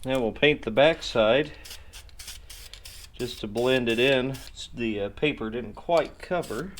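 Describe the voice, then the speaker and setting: Working in a garage workshop, a car repair vlogger talks slowly in a medium-pitched voice, keeping things casual and folksy with mock-serious, tongue-in-cheek comments. A little hiss or hum is audible.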